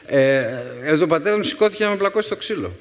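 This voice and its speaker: A man in his fifties, a teacher, telling wry personal stories with thoughtful pauses to a young audience. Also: high voice, expressive. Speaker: secondary school philology teacher and speaker. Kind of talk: storytelling talk to a young audience. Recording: reverberant hall.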